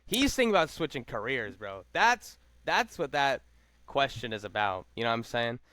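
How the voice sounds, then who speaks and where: A man's voice: mid-range voice, very animated, bright, forceful tone, no echo. A man co-hosting a podcast, chatting casually and slangily as he recaps a reality show. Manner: laid-back, slangy, talks fast with lots of fillers. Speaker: podcast co-host.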